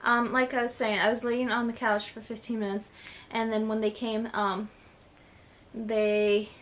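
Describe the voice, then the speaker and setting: A woman's voice: on the high side, level tone, measured pace, a bit bright. Chatty young woman telling a story. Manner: chatty, many "um"s and "I'm like" retellings. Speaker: vlogger. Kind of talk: casual storytelling to camera. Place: at home.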